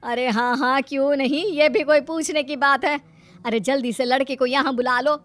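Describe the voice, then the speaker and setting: A nagging mother of a grown daughter, voiced by a woman, high in pitch and disapproving. She scolds and taunts in cartoon-story style over faint music. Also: fairly even intonation, normal speed, a bit bright. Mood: insistent. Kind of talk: Hindi cartoon story acting.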